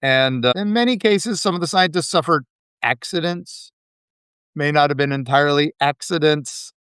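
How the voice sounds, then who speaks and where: A man's voice: on the high side, normal speed, fairly bright tone, clean tone, dry recording, clean studio sound. Chatty man hosting a history podcast. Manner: rambling, laughs often, fillers. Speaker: podcast host. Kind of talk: casual history chat.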